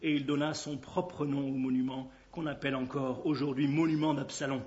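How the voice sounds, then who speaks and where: A man reading scripture aloud at a steady pace, with occasional hesitations. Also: mid-range voice, fairly quick. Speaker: reader. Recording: dull lo-fi recording.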